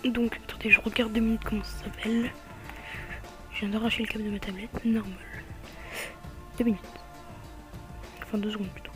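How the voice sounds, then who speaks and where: A woman with a French accent talks viewers through a tablet tutorial in a casual, hesitant way, often dropping to a half-whisper and filling pauses with "euh". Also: fairly high pitch, little pitch movement, music in the background. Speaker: tutorial maker. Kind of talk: casual screen tutorial voice-over.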